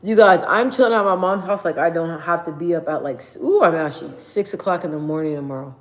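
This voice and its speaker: Woman in her thirties livestreaming from her mom's place on a phone, kinda low voice, rambly and slangy, lots of "like" and "bro". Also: fast. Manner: rambling, slangy, chatty with many fillers. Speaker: livestream host. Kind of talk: casual livestream chat with viewers. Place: her mother's house, indoors.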